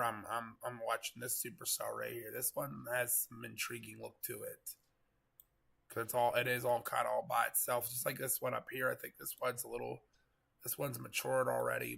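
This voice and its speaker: A man with a gravelly, congested voice from getting over a cold, giving casual, rambling live storm coverage commentary. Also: medium pitch, little pitch movement, normal speed, fairly bright tone. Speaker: live weather stream host, storm chaser.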